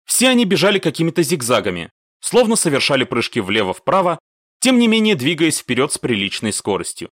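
A man narrating a military audiobook in an expressive, animated way. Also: fairly high pitch, a little fast, no echo, clean studio sound. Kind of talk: scripted narration.

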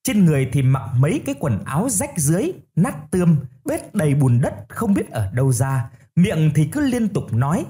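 A man narrating a first-person ghost story in a steady storytelling manner. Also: fairly high pitch, normal speed, hardly any pauses.

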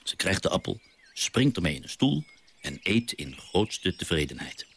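An actor playing a gentle father and naturalist who tells stories of his sea voyage, in a radio drama. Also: deep voice, sing-song, moderate pace, slightly rough, exaggerated voice.

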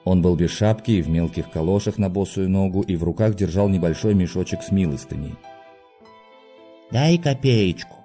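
A man reading a classic novel aloud in slow, measured audiobook narration. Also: sits low, mellow, faint music behind. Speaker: audiobook reader.

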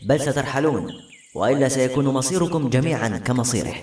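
A man's voice: medium pitch, fast, darkish tone, natural voice. A man voicing an arrogant nobleman who speaks with threatening disdain, in an echoey recording. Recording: roomy echo.

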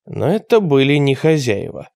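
A man narrating an audiobook in an expressive storytelling manner. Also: medium pitch, moderate pace, vocal fry, dry recording, studio quality.

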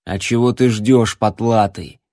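A man voicing a coarse, surly male hermit hunter who hates people and shouts insults. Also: measured pace, no echo, clean studio sound, close to an everyday voice. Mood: scornful. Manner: shouting insults, later shrill panicked falsetto.

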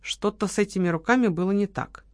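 Steady audiobook narrator, dry sound. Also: mid-range voice, fast talker, no room sound. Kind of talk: scripted narration of a detective novel.

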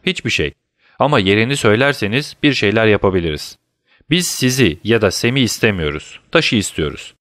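Sherlock Holmes, alaycı ve soğukkanlı dedektif bir erkeğin sesiyle. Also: male voice, mid-range voice, no room sound, studio quality, lightly acted. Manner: calm, teasing, commanding. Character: cool, mocking male detective, middle-aged. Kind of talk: audiobook character voice.

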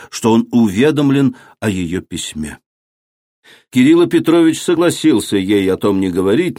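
Male audiobook reader, mid-pitched, measured and expressive, dry studio sound. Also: no room sound. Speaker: narrator. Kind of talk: scripted audiobook narration.

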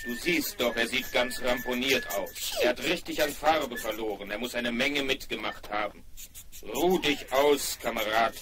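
A man's voice: medium pitch, normal speed, music in the background, close to an everyday voice. A man voicing a cautious, well-meaning toy friend in a 1970s radio play, worried and hesitant as he gives advice. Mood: concerned. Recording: hissing old vinyl record.

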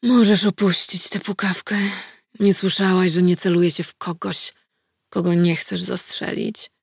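A woman voicing a calm, cunning male werewolf intruder who speaks in an unhurried, evasive way. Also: medium pitch, vocal fry, no room sound, studio quality, exaggerated voice. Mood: calm sly.

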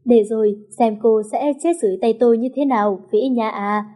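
A woman's voice: on the high side, fairly even intonation, a little fast, dark tone, lightly acted. A woman voicing a scheming estranged mother who pleads and threatens. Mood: threatening. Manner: pleading, then sly and threatening.

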